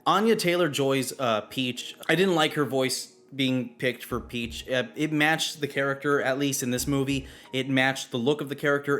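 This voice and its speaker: A man talking through a movie review at a medium pitch, neither high nor low. He lays out his opinions bluntly and plainly, with firm verdicts. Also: fairly bright tone. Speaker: film reviewer.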